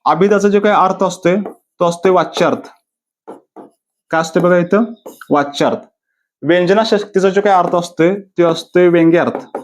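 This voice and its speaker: A man teaching grammar for competitive exams in a video lecture, repeating each answer as a question-and-answer drill. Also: sits high. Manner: repetitive, quizzing himself with question-and-answer drills; drawn-out, deliberate delivery of quoted verses. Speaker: exam-prep teacher. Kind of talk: classroom-style video lecture.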